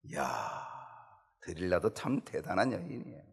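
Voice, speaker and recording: Male pastor, sermon delivery, swoops high for acted pleas, lively intonation. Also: normal speed, creaky, husky. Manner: animated preaching, acts out quoted pleas in high voice. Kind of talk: Bible study sermon.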